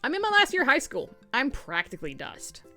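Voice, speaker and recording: A woman's voice: high voice, huge pitch swings, a little fast, bright, forceful tone, faint music behind, pitched above the performer's own voice, full character voice. A woman voicing a cheeky, playful teenage girl in a video game read-aloud, teasing and punchy. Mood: sassy. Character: cheeky, playful teenage daughter, high-school senior.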